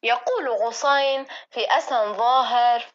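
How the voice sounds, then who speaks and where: Woman narrator, steady school-play reading, high voice, dull recording. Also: a little slow.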